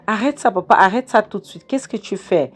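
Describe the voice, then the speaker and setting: A woman voicing a distressed young woman who pleads frantically with her father, high and shrill. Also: animated, rapid-fire, a little mellow, lightly acted. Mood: frantic pleading.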